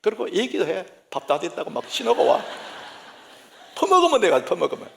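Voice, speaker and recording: A man, a senior pastor, preaching a sermon through lively, humorous stories. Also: sits high, a little fast, creaky, slight background noise. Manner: lively anecdotal storytelling, humorous.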